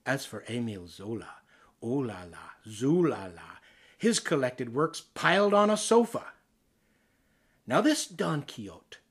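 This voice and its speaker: With an actor's deliberate phrasing, this Ontario-born Canadian man reads poetry dramatically and theatrically. His slightly high male voice has a breathy edge and travels across a lively span of pitch.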